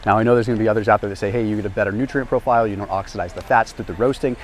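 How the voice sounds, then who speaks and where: Racing through his words in a lowish voice with fairly even intonation, a nutrition vlogger in his thirties walks a warehouse store aisle and energetically explains food choices to the camera. This educational grocery walk-through in the large indoor store is captured on a small lapel mic.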